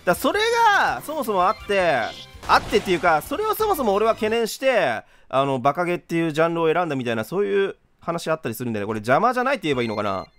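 A young man doing let's play commentary, rough-talking and exasperated, laughing often. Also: fairly high pitch, big pitch swings, very fast, fairly bright tone, faint music behind. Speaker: game commentator.

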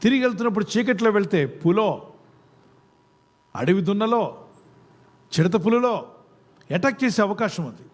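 A pastor's high, expressive voice moves at a moderate pace with frequent pauses as he preaches in church. He quizzes the congregation and calls on them to respond aloud.

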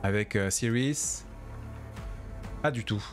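A man's voice: lowish voice, slow, over music. A tired man streaming a game from home, chatting with his viewers and tripping over his words. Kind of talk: casual gameplay commentary.

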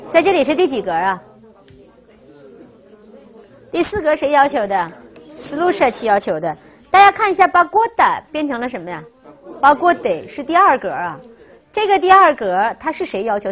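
A woman teaching a language class, who keeps asking her students rhetorical questions and checking in with "right?". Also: high voice. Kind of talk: classroom lecture.

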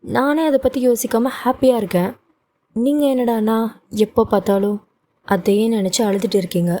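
A woman's voice: a little high, fairly even intonation, moderate pace, warm tone, natural voice. A woman voicing a young adult son who brushes off his troubles and coaxes his mother. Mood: coaxing. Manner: coaxing, brushing things off. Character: young adult man, cheerful son hiding his hurt.

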